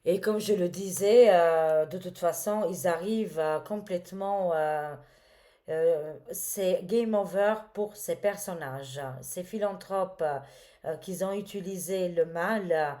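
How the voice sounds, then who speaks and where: A woman with a somewhat low voice gives a casual tarot reading straight to her viewers. She talks hesitantly, filling her pauses with fillers and little tags, and keeps turning to the audience as friends. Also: warm tone. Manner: hesitant, filled with frequent euh and hein, addresses viewers as les amis. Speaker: tarot reader.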